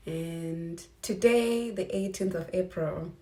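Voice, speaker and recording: Woman from Zimbabwe, earnest vlog talk, mellow tone, a bit off-mic. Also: fairly low pitch, takes it slowly, distant mic. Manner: earnest, asks many rhetorical questions. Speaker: vlogger. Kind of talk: reflective faith talk to camera.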